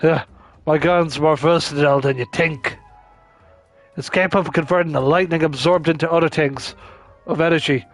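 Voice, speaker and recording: A man's voice: fairly high pitch, fairly even intonation, moderate pace, faint music behind, natural voice. A man voicing a confident male gunslinger from a game, offhand and boastful.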